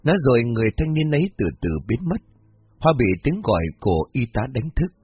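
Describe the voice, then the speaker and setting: A man reads a spooky tale aloud in a steady, even storytelling voice with a husky, slightly breathy tone. The recording is dull and lo-fi, with faint music underneath. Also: mid-range voice, fast talker, dry recording. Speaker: narrator. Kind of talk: storybook narration.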